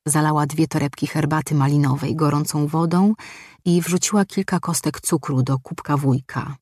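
A woman narrates a novel in a calm, steady audiobook reading. Her voice is husky and slightly breathy, recorded close and dry with no room echo. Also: low-pitched, moderate pace. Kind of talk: scripted narration.

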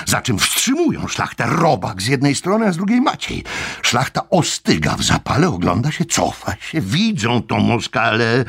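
A man giving a dramatic, theatrical reading of an epic poem, his voice rising in bursts and dropping low. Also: gravelly, fairly bright tone, husky. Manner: theatrical, swinging between high bursts and low falls.

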